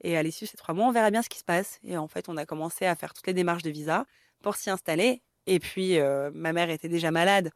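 A Parisian woman in her thirties, appearing as an interview guest, talks fast and candidly in a lowish voice, filling her conversation with lots of fillers. The studio-quality recording has no echo.

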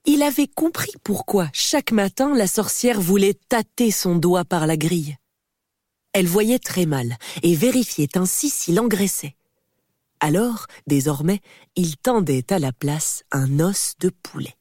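A woman narrating a fairy tale for a storybook recording with expressive, lively delivery. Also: fairly low pitch, measured pace, no room sound, studio quality.

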